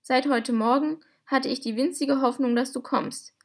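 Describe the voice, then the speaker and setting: A woman voicing a small, excitable bald male inventor who talks in an effusive, polite way. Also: high voice, moderate pace. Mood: overjoyed.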